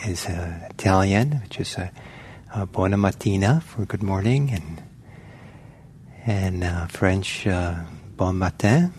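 A male meditation teacher, a native Norwegian speaker, leads an online session with a gentle, halting dharma talk full of pauses and fillers. His voice is deep, with a little hiss or hum in the audio.

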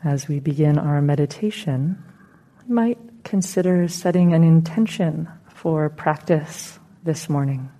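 A woman with a low voice leads a guided meditation as its teacher. She speaks calmly, slowly, and in a gently instructive way.

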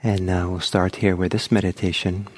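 A man with a lowish voice gives a guided meditation talk. He speaks slowly and gently, often pausing mid-thought as he leads listeners. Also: little pitch movement. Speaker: meditation teacher. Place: meditation center.

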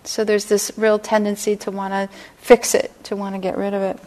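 A middle-aged woman teaching a meditation class, speaking gently and unhurriedly and often checking in with her listeners. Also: mid-range voice, completely flat delivery. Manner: gentle, unhurried, lots of "right?" and "you know". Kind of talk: dharma talk to a class. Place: meditation hall.

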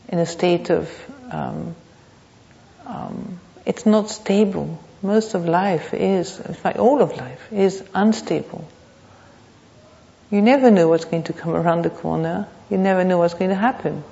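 In a reverberant hall, slightly dulled on the recording, a woman gives a meditation talk. Her voice is mellow and gravelly. She speaks reflectively, pausing and circling back over phrases. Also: lowish voice, lo-fi sound. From Thailand. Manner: reflective, halting, with pauses and repeated phrases. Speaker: meditation teacher. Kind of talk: unscripted dharma talk.

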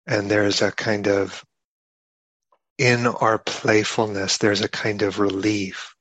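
A man gives a slow, halting Dharma talk in a low, even voice with a husky edge. He pauses often and reaches for his words as he reflects. The sound is dry and close, with little room around it. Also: no echo, poor audio. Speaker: meditation teacher.

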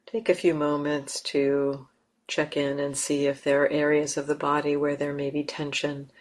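Long pauses separate the short, gentle phrases of this woman guiding a meditation as its teacher. Her voice is low and monotone, and she never rushes.

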